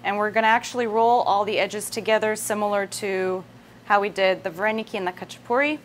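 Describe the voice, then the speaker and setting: Fairly quick and fairly even in intonation, this woman in her thirties speaks at medium pitch as she hosts a casual live cooking demonstration, talking through each step. The indoor kitchen set has a wooden worktop, and the room sound is noisy with kitchen ambience.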